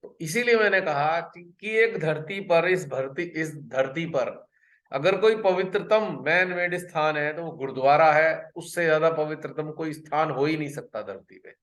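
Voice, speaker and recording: A man's voice: a little high, fairly bright tone, reverberant. Earnest man giving a spiritual talk. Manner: earnest, pausing, repeats phrases. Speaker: spiritual workshop speaker. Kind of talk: spiritual talk on a video call. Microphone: video call.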